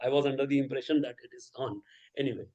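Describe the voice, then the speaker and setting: A workshop resource person who grew up speaking Urdu lectures teachers over video, explaining fast and peppering his talk with "okay" and "right?". His medium-pitched voice stays steady with a darkish tone, and the sound is lo-fi.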